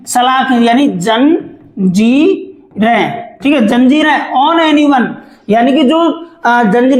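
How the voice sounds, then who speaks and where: Guy tutor, pretty high voice, goes phrase by phrase repeating stuff, roomy echo. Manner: translates phrase by phrase, repeats key words, calls students "beta". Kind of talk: classroom-style lesson explanation.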